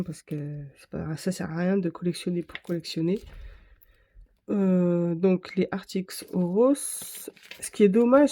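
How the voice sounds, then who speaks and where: A woman's voice: on the low side, warm tone. A woman vlogger chatting casually to camera, rambling and correcting herself as she shows her art supplies. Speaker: craft vlogger.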